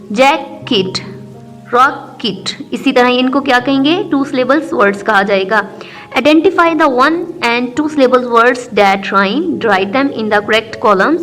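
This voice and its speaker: A woman, an English teacher giving a recorded lesson, explaining patiently and reading English lines out slowly. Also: a little high, fairly bright tone. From Pakistan.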